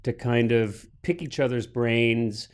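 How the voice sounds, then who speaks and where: Casting: man in his late forties, podcast co-host, animated and rambling, average pitch. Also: takes it slowly, clean tone. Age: 40s. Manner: animated, rambling with many restarts. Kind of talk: casual chat.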